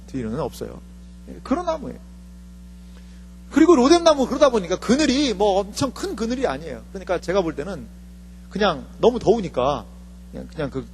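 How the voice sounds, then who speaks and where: Pastor guy preaching, high voice, jumps all over in pitch, keeps quizzing the church, echoey hall. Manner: animated, asks the congregation questions. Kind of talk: sermon. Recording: reverberant hall with faint mains hum.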